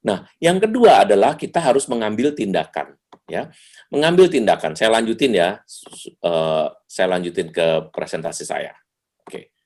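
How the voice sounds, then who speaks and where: A man giving a lively seminar talk over a video call, acting out little dialogues with sudden jumps in pitch. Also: moderate pace. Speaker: seminar speaker.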